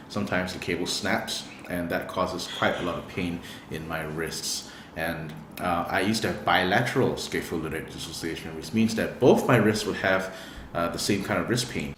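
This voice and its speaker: Deep-voiced man in an echoey room. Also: a little hiss or hum. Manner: earnest and encouraging, with frequent fillers. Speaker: worship guitarist and video host. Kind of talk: casual talk to camera. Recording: echoey room with faint ambience.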